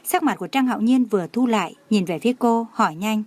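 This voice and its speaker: A woman's voice: a little high, lively intonation, quick pace, a little mellow, no room sound. Woman narrating a romance novel. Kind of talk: reading a romance novel aloud.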